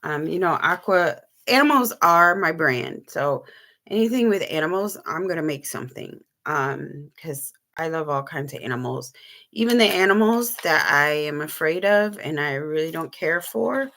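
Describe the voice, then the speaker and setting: Gravelly low-voiced woman chatting on a live stream. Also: expressive, moderate pace, sharp tone. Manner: rambling, many ums, shows items to camera. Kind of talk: casual live-stream chat.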